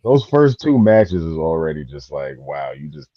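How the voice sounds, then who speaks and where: Brief: low-voiced male co-host, dark tone, slangy and lively, dull lo-fi dry sound. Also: normal speed, dry recording. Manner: slangy, excitable. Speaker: podcast co-host. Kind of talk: casual chat.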